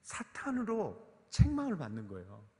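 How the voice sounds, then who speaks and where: A man's voice: a little high, wildly swooping pitch, normal speed, warm tone. A male pastor preaching at a teachers' seminar, asking the audience questions again and again. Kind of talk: sermon at a teachers' training seminar. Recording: long hall reverb.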